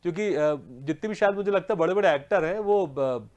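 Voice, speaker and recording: A male news-channel host with a slightly high voice. He asks long, winding questions, repeating words as he goes, and laughs easily. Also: a little fast, a little mellow. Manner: laughs often, encouraging. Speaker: host, interviewer. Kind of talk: TV interview.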